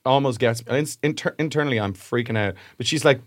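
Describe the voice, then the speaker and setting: A man's voice: mid-range voice, fast, no echo, clean studio sound. An Irish man in his thirties, co-hosting a podcast, rambling through an anecdote with lots of fillers. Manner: rambling storyteller, frequent fillers and laughs. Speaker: podcast co-host. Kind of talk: casual chat, anecdote.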